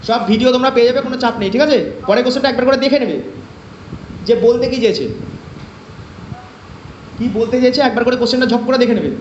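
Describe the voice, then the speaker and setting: Fast high-voiced man teaching math. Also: slight background noise. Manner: repetitive question-and-answer teaching. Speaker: math tutor. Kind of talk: online class lecture. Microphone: online class call. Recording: echoey, dull lo-fi online class audio.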